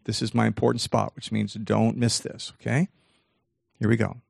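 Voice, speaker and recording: An older man giving a lively motivational talk. He slows down to stress key points and acts out quoted voices with big jumps in pitch. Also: vocal fry, breathy edge, dry recording, studio quality. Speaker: speaker giving a talk on self-talk.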